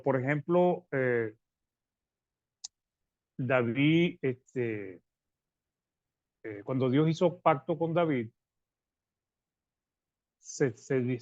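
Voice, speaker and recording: The speaker, a man with a mid-range voice, preaches a Bible study, reading verses aloud, explaining them, and calling his hearers brothers. His delivery stalls and restarts, phrase ends dying away quietly, and the sound is dry and somewhat dull with no room sound.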